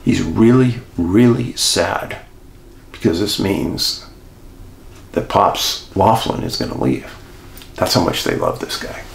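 A man hosting and telling a true-crime mystery story in an animated way, speaking straight to his listeners. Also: sits low, slow pace, vocal fry, reverberant. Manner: animated, addresses listeners as folks. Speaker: host and storyteller.

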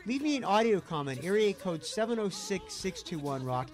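Lively Southern man hosting over rock music. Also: high-pitched, normal speed. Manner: enthusiastic, rambling. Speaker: podcast host. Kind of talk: casual podcast intro and interview. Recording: rock music playing underneath.

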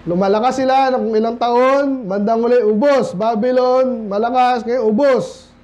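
A man's voice: very high voice, steady tone, normal speed, darkish tone. A Filipino man preaching a midweek Bible study sermon in a conversational way, often asking the congregation questions. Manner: conversational, mixes English into Tagalog, asks the congregation questions. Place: church hall. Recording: dull lo-fi church recording with faint noise.

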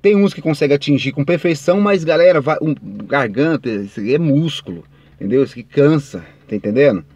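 Brief: mineiro male vocal coach, slightly higher voice, dry close sound, rambling and informal. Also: a little fast, darkish tone, no room sound. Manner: chatty, rambling, addresses viewers as a crowd. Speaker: singing teacher. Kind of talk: casual vocal tips talk.

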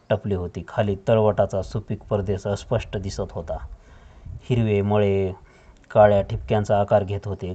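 A man narrating a novel in a steady, measured storytelling manner. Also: fairly low pitch. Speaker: audiobook narrator. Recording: dull lo-fi audio.

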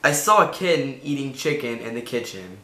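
A young man with a bright, forceful voice talks to camera like a casual vlogger. His delivery is informal and a bit halting. The room around him is noticeably echoey, picked up by a camera mic at home. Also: mid-range voice, big pitch swings, slight background noise. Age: teens to young adult. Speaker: video host. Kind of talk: casual vlog chat.

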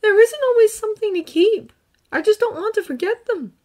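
A woman doing a soft-spoken earnest teenage boy. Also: extremely high pitch, animated, pitched above the performer's own voice. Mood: tender. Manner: soft, halting, emotional. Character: earnest teenage boy who sees ghosts. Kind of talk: fan fiction audiobook reading.

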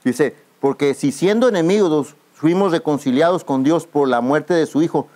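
This pastor speaks at a normal speed, his voice fairly high and slightly mellow. Preaching to an outdoor youth camp gathering, he frequently says "brother" and calls on listeners to answer him.

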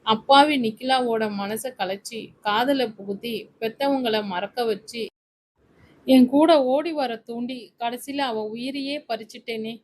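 A grief-stricken young man pours out his despair through tears, voiced by a woman reading a story. The voice stays fairly high. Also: a little slow, slight background noise, lightly acted. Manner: despairing, tearful.

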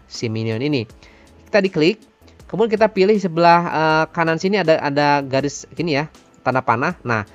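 Guy in his 30s doing a chill software tutorial on a headset, bit of music behind. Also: a little high. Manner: informal, addresses viewers as friends. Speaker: tutorial presenter.

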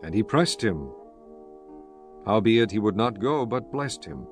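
Low-voiced male scripture narrator. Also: sing-song, a little slow. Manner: formal, solemn storytelling. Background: background music.

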